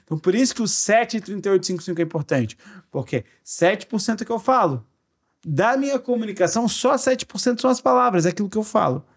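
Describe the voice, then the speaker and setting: A man's voice: high voice, expressive, quick pace. A man co-hosting a podcast, explaining in casual chat and acting out playful examples. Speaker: podcast co-host.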